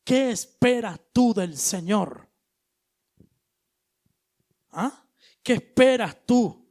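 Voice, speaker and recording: Guy preaching, pretty high voice, slangy, goes loud then quiet. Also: extremely slow. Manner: animated, swinging between loud exhortation and hushed asides; colloquial, uses street slang. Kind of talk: sermon.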